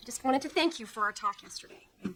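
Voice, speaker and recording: A woman's voice: a little high, lively intonation, fast, a bit bright. An actress playing an earnest single woman who dotes on her late cat and talks in a gushing way. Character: cat-loving single woman named Linda. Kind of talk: sitcom acting. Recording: TV audio with background noise.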